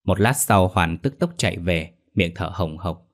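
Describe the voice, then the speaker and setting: A man narrating a horror story in a steady, dramatic reading. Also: low-pitched, a little slow.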